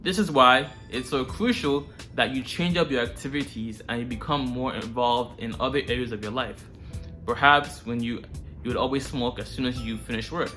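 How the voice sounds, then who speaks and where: A man's voice: medium pitch, normal speed, over music. A man hosting a self-improvement series, talking straight to the viewer in a casual, slangy, informal way. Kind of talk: casual direct-to-viewer advice talk.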